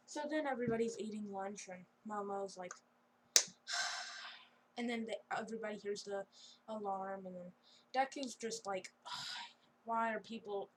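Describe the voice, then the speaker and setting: A woman's voice: mid-range voice, slight background noise, low-quality recording. A young woman improvising a fan story in a rambling, giggly, chatty way. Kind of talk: casual improvised story narration.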